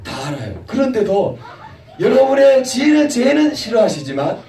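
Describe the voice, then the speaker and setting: A male pastor giving a lively children's sermon in a church, often asking the children questions. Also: extremely high pitch, normal speed. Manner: animated, asks children questions. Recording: echoey church hall, mic from a distance.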